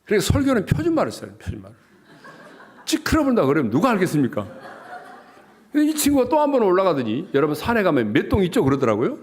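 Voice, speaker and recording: A man from South Jeolla, Korea, preaching a revival sermon as pastor in a joking, animated way. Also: high-pitched, quick pace, slightly rough.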